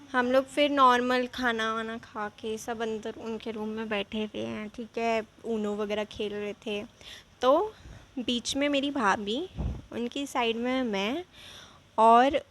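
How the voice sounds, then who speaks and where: A young woman telling a real-life ghost story in a chatty, animated way, with frequent asides. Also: on the high side, slight background noise. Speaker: vlogger. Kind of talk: casual storytelling.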